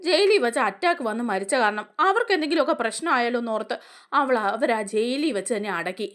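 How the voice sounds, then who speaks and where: A woman reading a scheming uncle, high-pitched. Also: animated, fast talker, fairly bright tone. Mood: insistent. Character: scheming middle-aged male uncle, evasive.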